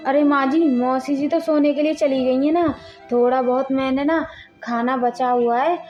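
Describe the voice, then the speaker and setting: Woman doing a dutiful young daughter-in-law, high even voice, faint music behind. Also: normal speed, close to an everyday voice. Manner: polite, obedient. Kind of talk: family drama voice acting. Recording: dull audio with faint music.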